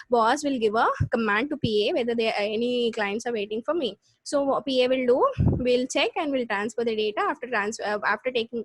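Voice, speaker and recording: A woman with a South Indian accent teaching a live online class, explaining step by step with repeats and halting restarts. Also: a little high, no room sound. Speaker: computer science lecturer. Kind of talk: live online lesson with check questions.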